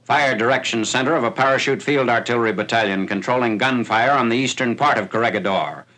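A man's voice: mid-range voice, bright, forceful tone. Man narrating an old newsreel. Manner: formal, measured announcing of battle reports. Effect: old 1940s newsreel soundtrack. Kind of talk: scripted wartime newsreel narration. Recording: noisy, hissy 1940s newsreel film soundtrack.

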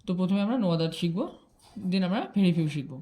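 An English grammar teacher speaks briskly in a warm, low-leaning female voice. She walks through grammar rules step by step, patiently checking that her students follow by asking "ঠিক আছে?" and mixing English terms into her Bengali.

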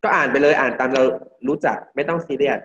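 A male English teacher from Thailand giving a classroom pronunciation lesson, drilling words slowly and repeating each one for the class. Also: medium pitch, a bit bright. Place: classroom with students. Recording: dull lo-fi classroom recording.

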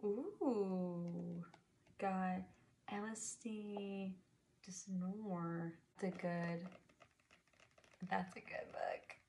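A young woman in a soft-spoken, ASMR role-play as a librarian, murmuring to herself in a small bedroom. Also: medium pitch, steady tone, extremely slow, pauses often. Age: young adult. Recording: noisy, with clicking and tapping.

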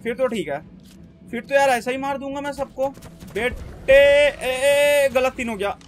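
A young man from India giving excitable, casual gameplay commentary, talking to himself and his in-game creature with frequent exclamations. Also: very high-pitched, a little slow, slight background noise. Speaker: gaming YouTuber.

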